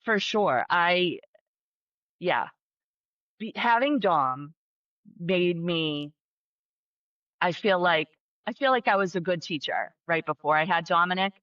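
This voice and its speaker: Slowly and with frequent pauses, a woman with a lowish voice chats as a podcast guest about being a special education teacher. The dry recording sounds muffled and dull, and her casual conversation is chatty, full of fillers and restarts, with flashes of excitement.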